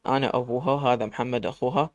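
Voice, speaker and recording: A man's voice: medium pitch, steady tone, racing, no echo, natural voice. A man with an Iraqi Arabic accent voicing a shaken middle-aged father who implores. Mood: imploring.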